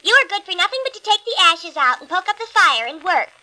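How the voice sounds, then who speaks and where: A woman voicing the mean, spoiled young stepsisters in a storybook, with a shrill, mocking manner. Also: sing-song, fast, pushed and bright, exaggerated voice. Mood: scornful.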